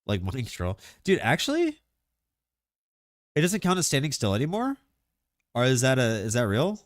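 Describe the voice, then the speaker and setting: A man streaming live, chatting casually and excitably about game mechanics, rambling with lots of filler words. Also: mid-range voice, moderate pace, no echo, clean studio sound.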